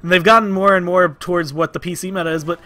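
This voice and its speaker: A man co-casting a video game match, giving steady analysis of team picks and bans. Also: sits high, quick pace, no room sound. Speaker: esports co-caster. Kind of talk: esports casting commentary.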